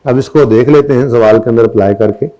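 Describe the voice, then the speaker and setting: A man's voice: mid-range voice, fairly quick, mellow, highs cut off. A middle-aged man teaching an accountancy class, mixing English terms into his Urdu and firing checking questions at students. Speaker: accountancy lecturer. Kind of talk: classroom lecture.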